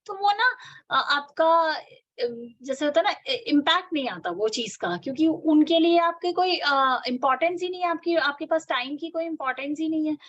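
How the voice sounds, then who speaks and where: A woman giving a fast, energetic motivational sales training talk, repeating her key words. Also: high-pitched. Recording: slightly dull lo-fi audio.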